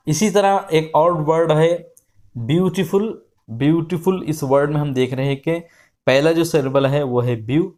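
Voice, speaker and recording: A man teaching a lesson, reading English instructions slowly and then explaining them in his own words. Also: a little high, darkish tone.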